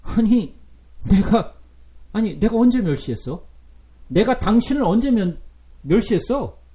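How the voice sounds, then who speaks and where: A defiant man snapping back in indignation, as a preacher acts him out, with a mellow tone that jumps around. He sounds defensive and raised. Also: sits high, sing-song, measured pace, voice pushed up. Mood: indignant.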